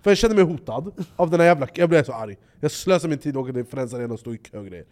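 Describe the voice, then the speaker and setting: A man co-hosting a podcast in casual chat, animated and swearing, acting out quotes in loud raised voices. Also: mid-range voice. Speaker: podcast co-host.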